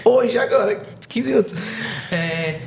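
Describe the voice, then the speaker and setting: A woman guest on a faith podcast who talks quickly and tells stories with animation, often restarting her sentences. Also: mid-range voice, lively intonation, gravelly, darkish tone, a little hiss or hum. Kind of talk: casual faith podcast conversation.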